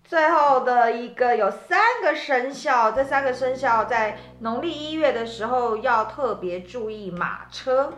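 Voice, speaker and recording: A woman's voice: a little high, measured pace, hardly any pauses, fairly bright tone. A woman co-hosting a casual chat, explaining things and laughing along. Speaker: co-host. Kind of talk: casual chat about zodiac fortunes. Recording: echoey room.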